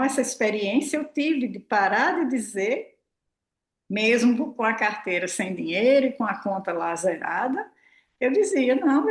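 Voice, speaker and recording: A woman, talking casually and expressively to her audience as a prosperity mentor, acting out her own remarks. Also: fairly high pitch. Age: 60s. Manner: chatty, expressive, acts out her own quotes, tag questions. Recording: roomy echo.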